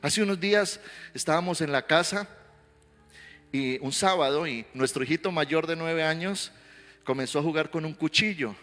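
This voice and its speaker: A male pastor preaching a sermon, telling stories animatedly and swelling into loud exhortation. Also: a little high, moderate pace. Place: church sanctuary. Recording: reverberant hall with faint music.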